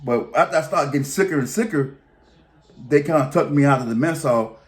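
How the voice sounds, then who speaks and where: A man's voice: fairly high pitch, brisk. A man telling a long story in a casual, rambling, colloquial way, often restarting his sentences. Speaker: vlogger.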